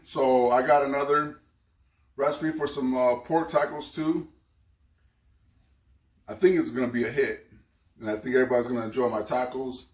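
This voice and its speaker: Casual man chatting, roomy distant sound. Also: medium pitch. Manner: relaxed, chatty, talks while eating. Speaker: cooking vlogger. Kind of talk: casual vlog chat.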